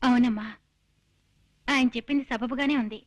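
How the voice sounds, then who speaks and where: A dutiful young daughter in a film drama, voiced by a woman, speaking with a high, earnest voice. Her tone is firm and resolute. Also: steady tone, normal speed, lo-fi sound, soft background music, natural voice. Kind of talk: film dialogue.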